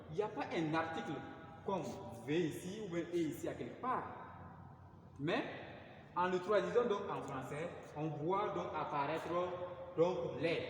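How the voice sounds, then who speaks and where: A man teaching an English lesson in in a slow, repetitive way, full of fillers. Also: fairly high pitch. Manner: slow, repeats words, many fillers. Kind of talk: recorded classroom lesson. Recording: roomy, far from the mic, faint hum.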